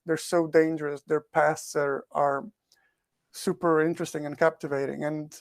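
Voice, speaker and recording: He speaks at a moderate pace in a slightly high, gravelly voice with a level tone, and the recording has no room sound. An author and researcher who grew up in Portugal and speaks English as a second language, he answers podcast interview questions reflectively. He often repeats words while thinking.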